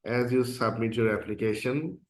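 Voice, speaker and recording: With a medium-pitched voice at a moderate pace, this course instructor from Bangladesh explains an application form one step at a time for a screen-recorded tutorial. He is a non-native English speaker whose first language is Bangla. His casual, explanatory manner is peppered with "uh" and "okay."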